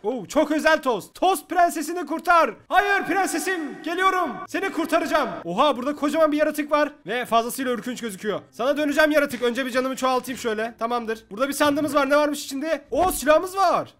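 A man's voice: very high-pitched, fast, few pauses, a bit bright. A man commentating his own game as a gaming YouTuber, playful and chatty, laughing often and joking with the creatures he meets. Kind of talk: let's play commentary.

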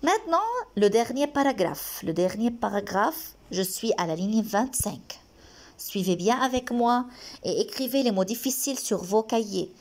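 Lively woman teacher. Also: fairly high pitch. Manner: slow, repeated dictation of French lines followed by quick Arabic glosses. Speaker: language teacher. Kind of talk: bilingual lesson explaining a text.

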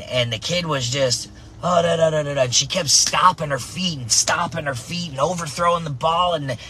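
Man, softball coach, motivational vlog, energetic, says "right?" a lot, in a car, faint background hum. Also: fairly high pitch.

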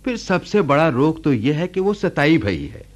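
Sappu, earnest kind village laborer. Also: male voice, on the high side, very animated, unhurried, dull audio. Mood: concerned. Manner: earnest, gentle, caring. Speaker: radio play actor. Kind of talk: radio drama acting.

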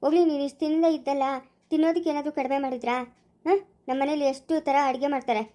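A young husband, acted by a performer, soothes in a soft, low-key voice with a Chikkaballapura Kannada accent. He coaxes and reassures at a quick pace in a family home drama skit. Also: steady tone, close to an everyday voice. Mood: soothing.

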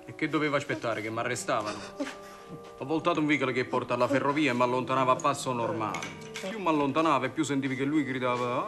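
A man's voice: medium pitch, natural voice. An actor playing a shifty man who shot his friend, talking long-windedly to justify himself in a 1960s televised stage comedy. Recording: old TV stage recording with music.

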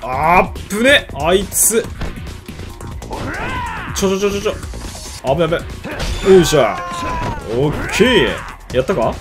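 A man casually commentating a video game he is playing, reacting excitedly and grunting along with the fights. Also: a little high, unhurried, long pauses. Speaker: game streamer. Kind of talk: casual let's-play commentary. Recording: game audio with music behind.

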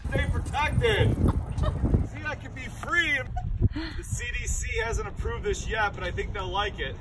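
A man's voice: very high-pitched, sing-song, unhurried, gravelly, heavy background noise. A man doing a playful, jokey comedy bit outdoors in a park, laughing often. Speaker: comedy vlogger. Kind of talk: goofy outdoor skit.

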